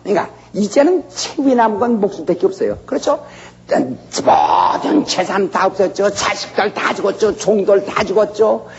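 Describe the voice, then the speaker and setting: A dramatic male pastor preaching a sermon in a high, gravelly voice, acting out the characters as he tells the story. The sound is dull and lo-fi with a long hall reverb. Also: very animated, normal speed.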